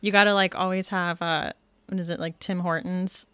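A woman's voice: lowish voice, level tone, moderate pace, fairly bright tone, smooth, no room sound. A woman hosting a book podcast, talking casually with lots of "like". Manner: casual, filler-heavy, uses "like" a lot. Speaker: podcast host.

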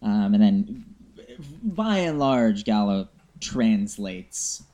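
A woman's voice: extremely low pitch, very animated, extremely slow, dark tone. A woman narrating a tabletop game as game master in a casual style.

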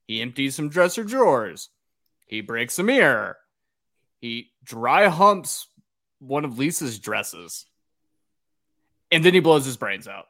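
A man's voice: medium pitch, very animated, slow, pauses often, a bit bright. Man gleefully recapping a movie plot. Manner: crude, gleeful plot narration. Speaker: podcast co-host. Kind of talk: casual comedic movie recap.

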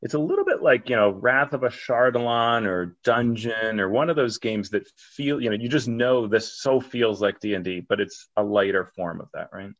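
A man's voice: medium pitch, expressive, moderate pace, hardly any pauses, a bit bright, highs cut off. A man chatting casually as a podcast co-host. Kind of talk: casual chat.

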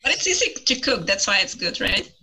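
A woman's voice: mid-range voice, sing-song, fairly quick, gravelly, sharp tone. A woman with a Russian accent, chatting casually as a guest on a podcast. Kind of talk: casual chat.

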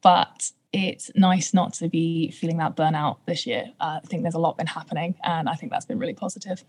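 A woman's voice: deep voice, brisk, darkish tone. A young woman talking casually as a podcast guest. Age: young adult.

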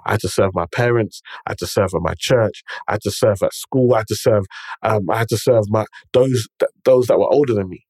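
A man's voice: fairly low pitch, brisk, darkish tone, slightly rough, dry recording. A man with an urban London roadman accent tells stories and gives motivational advice in an emphatic, conversational way, repeating phrases and checking in with the listener. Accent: London, urban multicultural slang.

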